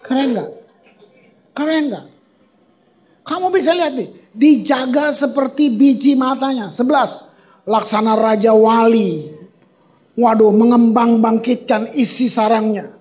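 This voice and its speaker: A male pastor preaching a lively evening prayer sermon in a church service, animated and playful, with colloquial slang, rhetorical questions and acted-out sounds for emphasis. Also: very high voice. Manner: acts out sounds and cries for emphasis.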